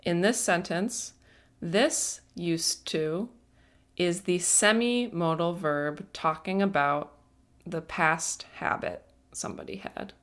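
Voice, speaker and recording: A woman teaching an English grammar lesson, speaking patiently and deliberately and stressing each word. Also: on the low side, fairly bright tone. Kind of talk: slow, careful grammar lesson.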